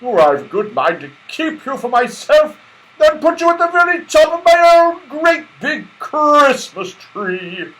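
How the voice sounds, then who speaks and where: A man's voice: very high-pitched, sing-song, a little slow, a bit bright, pitched above the performer's own voice, exaggerated voice, rough recording. A man reading a storybook, voicing a big, jolly Santa Claus in a hearty, exclamatory manner. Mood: admiring surprise.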